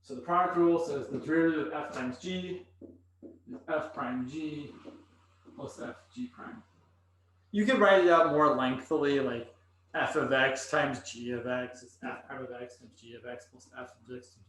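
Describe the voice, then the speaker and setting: A man's voice: medium pitch, moderate pace, a bit bright, slight background noise. A man teaching calculus in a lecture, thinking aloud as he writes on the board. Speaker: math instructor. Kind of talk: recorded classroom lecture. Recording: echoey room, voice from a distance.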